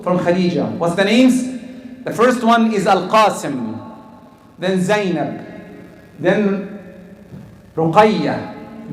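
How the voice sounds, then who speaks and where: A man's voice: sits high, echoey room, rough recording. A man from Egypt preaching a sermon, asking the crowd questions, repeating words as he goes.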